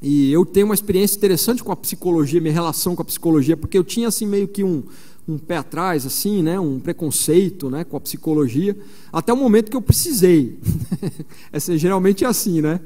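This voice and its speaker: A man's voice: sits high, brisk, mellow. A man in his forties from São Paulo, preaching at a missionary conference in a chatty storytelling way, full of fillers. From São Paulo, Brazil. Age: 40s. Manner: conversational storytelling with frequent fillers. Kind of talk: conference sermon. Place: large church. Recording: long reverb of a large church hall.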